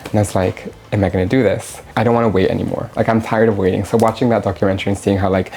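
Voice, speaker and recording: Her voice sits extremely low and dark, steady in tone, as this thirtysomething drag performer from Mexico, raised in Canada, fires off words rapidly. She's a guest in a relaxed interview at her home, candid and chatty, quick to laugh.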